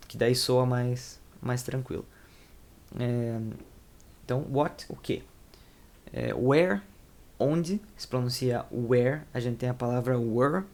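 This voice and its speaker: A young Brazilian man with a Brazilian Portuguese accent gives a casual explanatory English lesson. His mid-range voice is gravelly and a little mellow, and he rambles informally, correcting himself along the way.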